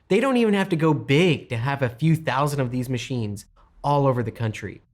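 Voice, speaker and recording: A man with a medium-pitched voice presents as an investment co-host. He delivers scripted promotional material emphatically, leaning on the numbers like a salesman. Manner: emphatic, salesy, stressing figures.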